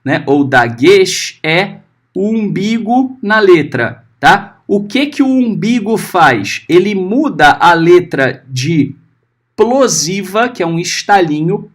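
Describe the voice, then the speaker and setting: Man, teacher, patient, lively intonation, checks understanding often, sounds out syllables. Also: high voice. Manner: slowly sounds out letters and syllables. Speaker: Hebrew teacher. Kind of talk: recorded class lesson.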